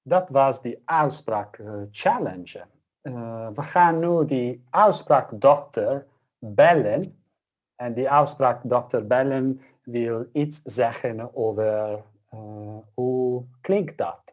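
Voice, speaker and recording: A man hosting in casual chat, halting and searching for words. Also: mid-range voice. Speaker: host.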